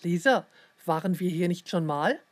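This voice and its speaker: Grumbling annoyed dad, woman reader doing him, low-key. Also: lively intonation, moderate pace. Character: grumbling father, easily annoyed.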